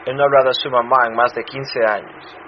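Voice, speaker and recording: A man who grew up in Chicago and serves as a pastor, giving a personal testimony in a sermon, halting and restarting often. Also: medium pitch, fairly even intonation. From Chicago, United States. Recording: dull muffled sound with faint noise.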